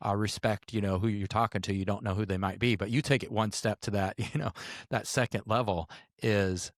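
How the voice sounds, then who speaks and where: A man's voice: fairly low pitch, no room sound, clean studio sound. A man hosting a podcast in casual conversation, reflective and loose with filler words. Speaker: podcast host.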